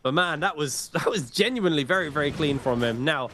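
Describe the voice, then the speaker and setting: A man's voice: fairly high pitch, animated, fairly quick, bright, forceful tone, a little hiss or hum. A man giving live esports commentary in a conversational, rambling play-by-play style. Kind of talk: live gaming commentary with casual chat.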